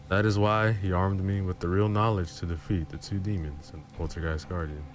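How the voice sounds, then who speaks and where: Deep-voiced male narrator for horror story readings, calm and low-key. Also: a little fast, slight background noise.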